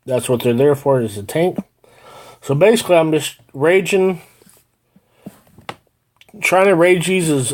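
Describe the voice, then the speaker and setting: A middle-aged man walks through a game replay in a loose, conversational way, pausing on "uh" and restarting his sentences as he explains each step. His voice sits a little higher than most men's. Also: a little mellow. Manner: rambling, explains step by step with many "uh"s. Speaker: gaming channel host. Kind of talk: casual gameplay commentary.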